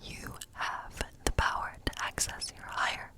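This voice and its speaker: An ASMR performer, a woman, voices a gentle tarot-reading witch entirely in a whisper. The fortune-telling unfolds at an unhurried pace, thoughtful and full of quiet musing.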